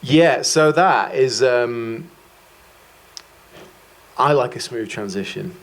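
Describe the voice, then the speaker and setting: A man's voice: mid-range voice, expressive, slow pace. A man giving a guitar masterclass, talking casually and rambling a little, with self-deprecating jokes. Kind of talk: casual explanatory chat.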